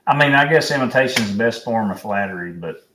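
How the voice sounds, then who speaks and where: A man's voice: lowish voice, expressive, a little fast, bright, forceful tone. Rambling man in an echoey room. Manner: rambling, filler-heavy storytelling. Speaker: podcast host. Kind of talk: casual sports chat. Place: home room at night. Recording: roomy echo, distant mic, faint noise.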